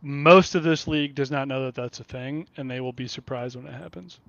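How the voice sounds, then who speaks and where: A man's voice: medium pitch, steady tone, a little fast, gravelly, a bit bright. A man hosting a casual podcast chat, blunt and profane, laughing often, from the Kansas City area. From Kansas City area, USA. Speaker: podcast host. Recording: dull lo-fi dry sound.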